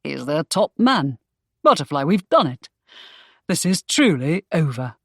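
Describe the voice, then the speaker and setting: A woman narrator voicing a protective young nobleman suitor, speaking low, teasing and tender. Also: very animated, a little slow, no room sound, studio quality, full character voice.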